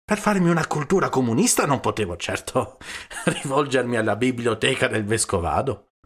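A man's voice: medium pitch, animated, moderate pace, fairly bright tone, breathy edge. A man voicing a sly, unflappable village priest in an audiobook, speaking in a dry, cutting, commanding way. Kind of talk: audiobook character reading.

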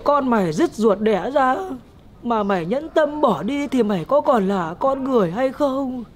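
A woman's voice: fairly high pitch, animated, unhurried, a little hiss or hum. A woman playing a grieving old grandmother in a comedy skit, lamenting and scolding. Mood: reproachful.

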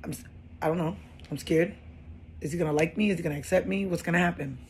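A woman in her thirties telling a personal story in a casual, animated way, often repeating phrases for emphasis. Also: on the low side, fast talker, slight background noise.

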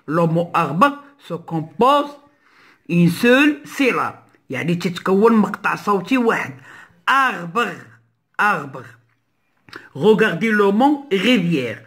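A man with a Moroccan accent teaching a primary school reading lesson, slowly repeating words and syllables. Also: high-pitched, sing-song, fairly bright tone. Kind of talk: slow French reading lesson with Moroccan Arabic explanations.

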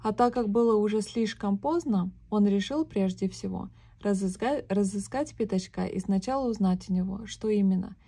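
Mellow woman reading a bedtime story. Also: medium pitch, slightly rough. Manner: calm, measured storytelling. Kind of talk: reading a children's book aloud.

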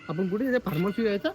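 A woman's voice: medium pitch, a little mellow, a little hiss or hum. A woman vlogging at a cow shelter, coaxing and teasing a child in casual chat, often repeating herself. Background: animal sounds and outdoor ambience.

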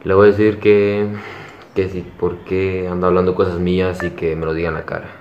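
Low-voiced young Central American guy, echoey room. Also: monotone, brisk. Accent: Central American Spanish. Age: young adult. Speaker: prank caller and video host. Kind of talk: casual vlog chat and phone prank. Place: small bedroom, indoors. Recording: echoey, dull room sound, faint noise.

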